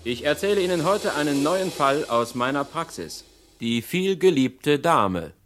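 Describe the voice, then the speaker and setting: A man's voice: on the high side, big pitch swings, a little slow, a bit bright. A man playing a noir private detective who coolly narrates his own cases in a 1950s radio crime drama. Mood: cool, brooding. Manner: cool noir detective, first-person storytelling.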